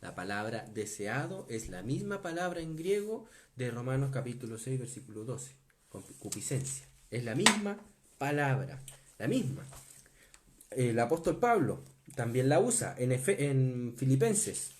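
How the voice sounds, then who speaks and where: A man preaching a Bible teaching sermon, stressing key words, slowing down on them and often asking his listeners whether they follow. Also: medium pitch, big pitch swings. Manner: asks the listeners to confirm often.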